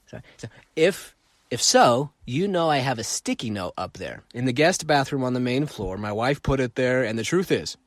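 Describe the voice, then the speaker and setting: Dry-miked man, animated solo podcast host. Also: mid-range voice, normal speed, no echo. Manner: animated storytelling, acts out voices, repeats phrases.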